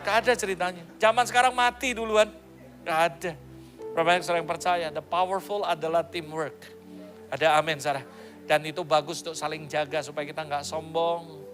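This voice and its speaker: A man's voice: on the high side, steady tone, brisk, a bit bright, faint music behind. A male pastor preaching a sermon in a playful, joking way, slipping English phrases into his talk.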